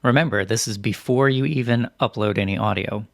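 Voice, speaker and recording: A man reading scripted instructional narration as a software tutorial presenter, in a methodical, step-by-step way. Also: lowish voice, fairly quick, gravelly, dry recording, studio quality.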